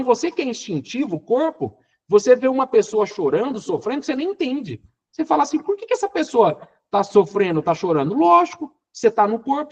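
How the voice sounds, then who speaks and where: A man with a fairly high voice teaches an Enneagram class in a motivational lecture style. He talks emphatically and keeps checking in with rhetorical questions. The recording sounds a little dull and lo-fi. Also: a little mellow, slightly rough.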